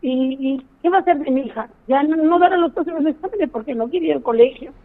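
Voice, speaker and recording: Indignant woman on a tinny phone line. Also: high voice. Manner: indignant, pleading, rapid storytelling. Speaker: caller. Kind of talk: phone-in complaint on radio.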